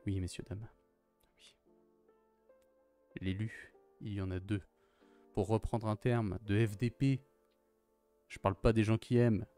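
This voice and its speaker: A man's voice: on the low side, fairly even intonation, a little slow, pauses often, dark tone, faint music behind. A young man gushing in a casual, slangy film review, often repeating his exclamations. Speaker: YouTuber reviewing films.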